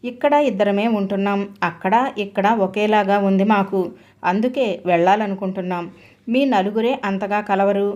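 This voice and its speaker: A woman's voice: mid-range voice, normal speed, a little mellow, muffled recording, lightly acted. Woman voicing hurt, firm older mother. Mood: pained, reproachful. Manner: earnest, reproachful. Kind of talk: audiobook story reading.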